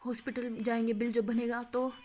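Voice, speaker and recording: A woman voicing a loud, pushy young man who complains brashly. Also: fairly high pitch, level tone, moderate pace, natural voice.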